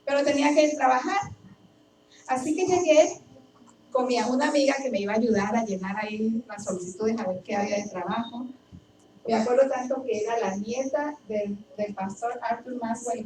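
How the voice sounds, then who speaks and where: A woman's voice: a little high, fairly quick, dark tone. A woman preaching a sermon, telling her own story and asking emphatic questions with much repetition. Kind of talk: sermon with personal testimony. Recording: echoey and distant, faint background noise.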